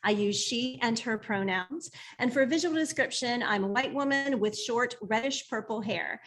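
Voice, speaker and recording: A woman's voice: fairly high pitch, fairly bright tone. Upbeat woman hosting an online meeting. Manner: upbeat, cheerful emcee, counting down. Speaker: board president hosting meeting. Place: classroom, video call.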